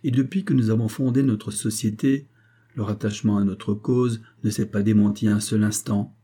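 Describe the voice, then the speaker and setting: A domineering, exalted billionaire father from an audiobook, put on by a male reader. His voice is low, dark and husky. He presses each point hard and rises into emphatic reproach. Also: steady tone, moderate pace, lightly acted. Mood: boastful. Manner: forceful, reproachful, rising to emphatic outbursts. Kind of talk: audiobook character reading.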